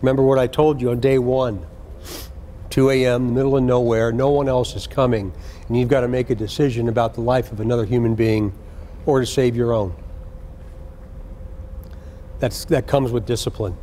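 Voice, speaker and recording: Male senior police official, mellow relaxed tone, earnest ceremonial speech, deliberate repetition, faint background noise. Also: medium pitch. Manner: earnest, measured, deliberate with repeated phrases. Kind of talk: ceremonial address to recruits.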